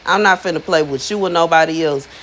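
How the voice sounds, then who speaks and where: Talking fast in a low-pitched, somewhat bright voice, a woman in her thirties delivers a casual monologue to her viewers. She's a spiritual influencer whose style is slangy and emphatic, with frequent repetition for effect, and the recording quality is low.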